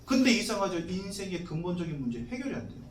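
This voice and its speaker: Male pastor in his forties with a high, animated voice. Casual, questioning sermon, recorded from afar in a roomy hall. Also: fast talker, recorded from a distance. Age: 40s. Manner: conversational, asks the congregation questions, jokes. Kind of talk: sermon to new members. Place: church hall.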